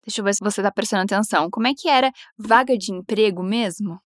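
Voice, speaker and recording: A woman's voice: medium pitch, no echo, clean studio sound. Upbeat Brazilian woman teaching English. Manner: encouraging, models phrases slowly then explains quickly. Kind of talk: English lesson for Portuguese speakers.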